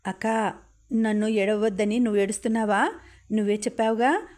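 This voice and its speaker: A woman's voice: medium pitch, steady tone, moderate pace, a little mellow, natural voice. A woman voicing an affectionate younger brother who speaks earnestly to his sister, in an audiobook reading.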